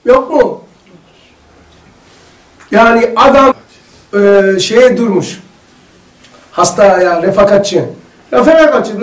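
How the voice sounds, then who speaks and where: A man leading a casual religious study group, telling stories and asking the group questions. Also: high voice. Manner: chatty, storytelling, asks the group questions. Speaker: religious study circle leader. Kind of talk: casual religious lesson with anecdotes. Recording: echoey room, mic far off.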